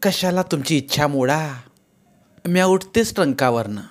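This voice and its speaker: A plaintive young village wife, voiced by a male storyteller in a raised, lighter voice. She speaks gently and a little wearily. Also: a little high, lively intonation, unhurried, pitched above the performer's own voice. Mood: yielding.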